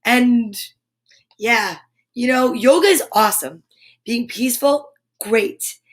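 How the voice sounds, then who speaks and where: A woman's voice: a little high, slow. A middle-aged woman hosting a live story time, talking in an upbeat, encouraging way about positive affirmations. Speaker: children's story time host. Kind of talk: live-streamed casual pep talk.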